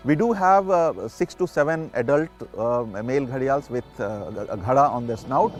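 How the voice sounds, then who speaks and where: An Indian-accented man explains his work as a conservationist in a documentary interview. He speaks haltingly and hesitantly at a medium pitch, with faint music behind him.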